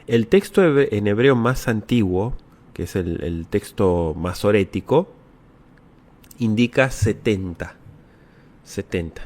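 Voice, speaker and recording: A low-pitched man from Latin America explains scripture to viewers in a patient teaching manner. He repeats his key words and keeps checking in with quick rhetorical tags. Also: lively intonation, darkish tone. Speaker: Bible teacher. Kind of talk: answering viewer questions.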